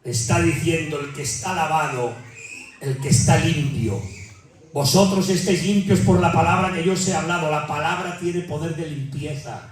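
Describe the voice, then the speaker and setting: A man from Spain with a Peninsular Spanish accent preaching a sermon, fervent and repetitive, often climbing to near-shouting and calling out to the congregation. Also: a little high, normal speed. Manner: fervent, rises to near-shouting, repeats "hermanos". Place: church hall. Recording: very echoey hall, mic far off, faint music.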